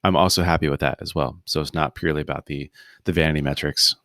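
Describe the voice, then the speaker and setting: Low-voiced man, loose and rambling. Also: quick pace, no room sound, studio quality. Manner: relaxed, rambling, many fillers and restarts. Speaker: podcast guest, founder. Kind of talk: casual interview conversation. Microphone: video call.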